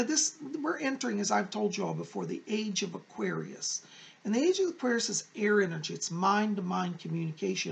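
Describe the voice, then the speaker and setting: A male fortune teller delivers horoscopes to his audience with emphatic encouragement. His voice is heavily creaky and moves up and down in lively swoops. He is effusive and addresses listeners directly. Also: sits high. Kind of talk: fortune teller's weekly horoscope reading to viewers.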